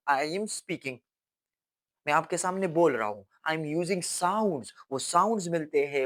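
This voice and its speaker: A young man teaching English grammar in Hindi, dropping in English phrases and repeating key words as he explains step by step. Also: on the high side. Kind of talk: classroom lesson.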